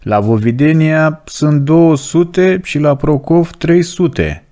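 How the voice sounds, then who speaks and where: A man's voice: a little high, animated, warm tone, voice pushed up, lightly acted. A man voicing a proud male demon prince who commands a host of devils, read in a plain storytelling voice. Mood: boastful.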